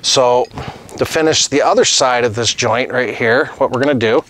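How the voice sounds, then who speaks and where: The recording is rough, with a little hiss or hum, capturing a mid-range, fairly bright male voice at a moderate pace. He's a middle-aged master plumber teaching on his channel, giving a casual hands-on tutorial into a lapel mic as he works with tools at a desk in an indoor studio set.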